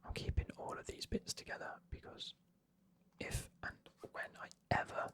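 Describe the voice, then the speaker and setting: A man's voice: normal speed, fairly bright tone. Whispering man, ASMR unboxing. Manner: chatty, enthusiastic, informal. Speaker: host of an unboxing video.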